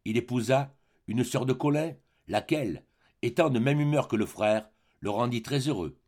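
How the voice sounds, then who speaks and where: A man reading a classic tale aloud as an audiobook narrator, with expressive, varied intonation. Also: medium pitch, normal speed. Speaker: audiobook reader.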